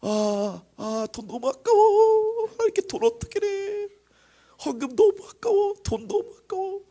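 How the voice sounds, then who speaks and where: A man voicing a stingy, miserly man who whines about giving money away in a shrill, high voice. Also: big pitch swings, unhurried, dark tone, heavily acted. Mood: whiny.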